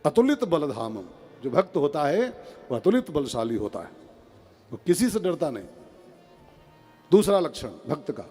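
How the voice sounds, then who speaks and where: A man's voice: fairly high pitch, measured pace, pauses often, breathy edge, in a large hall, soft background music. A man giving a devotional discourse, telling stories with acted-out dialogue and asking the audience questions. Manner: animated storyteller, acts out dialogue, asks the audience questions. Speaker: preacher.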